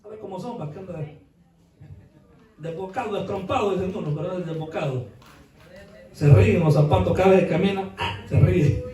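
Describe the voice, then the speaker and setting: A high-voiced man preaching in a church, his voice ringing through a very echoey hall as he stands back from the mic. He drops to quiet asides, then bursts into shouts and fires off rhetorical questions at the congregation. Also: normal speed, long pauses, far from the mic. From El Salvador. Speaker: pastor. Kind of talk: sermon.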